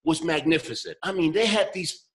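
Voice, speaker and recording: Brief: eager male guest in his fifties, talking from home over a video call, slightly high voice. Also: moderate pace, poor audio. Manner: enthusiastic storyteller, grins while talking. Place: home room indoors.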